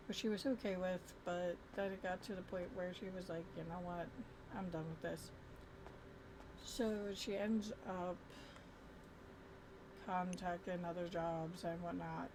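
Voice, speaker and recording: Woman game streamer, slightly low pitch, informal rambling storytelling, noticeably noisy recording. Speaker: game streamer narrating roleplay character's story. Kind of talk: casual gameplay storytelling.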